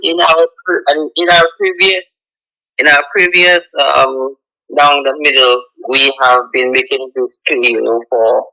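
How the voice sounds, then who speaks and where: A man co-hosting a radio show, making a halting, filler-filled plea. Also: mid-range voice, steady tone, creaky, sharp tone, poor audio. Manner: halting, filler-heavy pleading. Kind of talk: radio interview.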